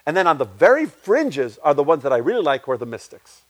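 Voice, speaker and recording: A man's voice: fast, no room sound. A man, a playwright, answering audience questions at a public talk in a reflective way, restarting his sentences often. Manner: reflective, restarts often, animated pitch swings. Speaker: guest speaker, playwright.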